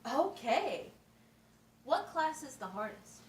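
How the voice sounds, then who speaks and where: Here the woman's teacher character is heavily acted, high-pitched and sing-song, delivered slowly in an encouraging, patient mood. It's an amateur puppet show, and she explains things simply and checks understanding with questions. Faint noise and roominess suggest a distant microphone.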